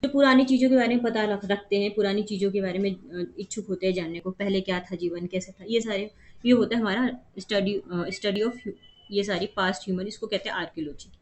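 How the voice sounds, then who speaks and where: A woman's voice: mid-range voice, steady tone, a little fast, darkish tone. A female teacher explaining a reading comprehension passage step by step, mixing Hindi and English. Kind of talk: exam-prep lesson.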